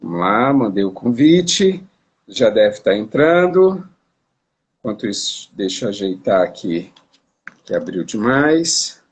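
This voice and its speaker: A man's voice: fairly low pitch, sing-song, unhurried. A man from Brazil hosting a casual live-stream interview, talking in a chatty way with many restarts, recorded on a phone. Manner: chatty, repeats words and restarts. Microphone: phone on a live video stream.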